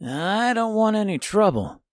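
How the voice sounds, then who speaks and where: Cocky boy swordsman, voiced by a man, higher than his narration, breezy and mocking. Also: very animated, measured pace, dry recording, clean studio sound. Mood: calm.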